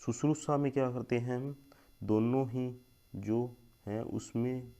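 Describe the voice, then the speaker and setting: A young Hindi grammar teacher with a mid-range, mellow voice speaks a little slowly and fairly evenly. He works through spelling words for an exam one at a time, saying each several times and often asking "thik hai doston" to check in with listeners.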